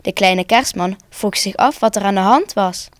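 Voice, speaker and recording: A woman reads a children's Christmas tale aloud in a calm, expressive storytelling voice. Her pitch sits in an ordinary middle range. The recording is close and dry with no room sound. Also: normal speed, dry recording. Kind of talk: children's story reading for broadcast.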